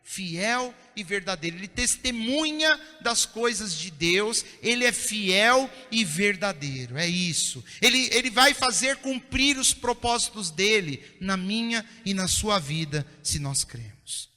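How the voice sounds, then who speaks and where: A man preaching a sermon as pastor, impassioned and often dropping to soft, intense tones. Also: high voice, lively intonation, unhurried, hardly any pauses. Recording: long reverb of a church hall.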